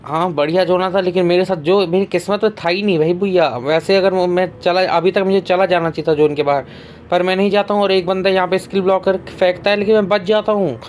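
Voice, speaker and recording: Fast-talking young man narrating gameplay. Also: sits high, steady tone, slight background noise. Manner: rapid, chatty, slangy. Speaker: gaming YouTuber. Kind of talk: casual gameplay commentary.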